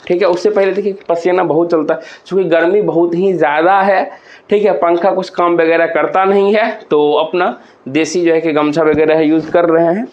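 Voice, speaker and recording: Man, high voice, echoey room, teacher walking through exam answers, rhetorical questions. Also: highs cut off. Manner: explains step by step with repeated rhetorical questions. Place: hot room with a towel in use.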